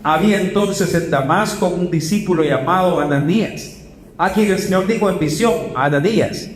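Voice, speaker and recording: High-voiced preacher in an echoey hall. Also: male voice, slight background noise. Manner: asks the congregation questions, shifts between quick and slow phrasing. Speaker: pastor. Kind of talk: sermon. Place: church hall.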